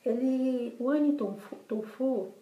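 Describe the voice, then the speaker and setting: A woman's voice: sits high, a little slow, muffled recording. A young adult woman with a Brazilian accent, chatting casually to camera as a video blogger and repeating words for emphasis. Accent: Brazilian Portuguese. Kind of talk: casual vlog to camera, showing desserts. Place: small bare room indoors. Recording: echoey small room.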